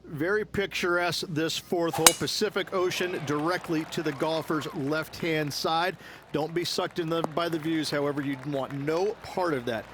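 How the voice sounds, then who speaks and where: A man's voice: fairly high pitch, steady tone, normal speed, noisy background. A man giving analytical golf commentary, explaining how the course should be played.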